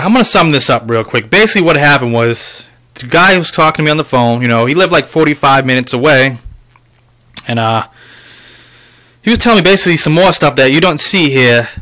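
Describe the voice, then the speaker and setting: A man with a bright, fairly high voice rants casually to his viewers. He rambles through a story, swearing freely and leaning on fillers like "you know". The delivery is loose and conversational. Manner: addresses viewers directly. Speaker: video game collector vlogger. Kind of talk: casual ranting vlog.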